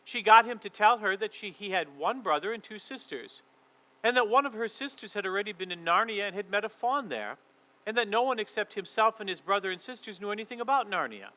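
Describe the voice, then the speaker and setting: Lively man reading a children's story. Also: high-pitched, fairly quick, poor audio. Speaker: children's church leader.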